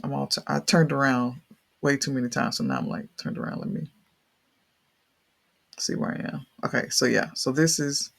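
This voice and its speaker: Male host, thick Southern US accent, heavy vocal fry, casual rambling tour commentary, folksy and unscripted. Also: medium pitch, expressive, moderate pace, pauses often, fairly bright tone. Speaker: real estate video host.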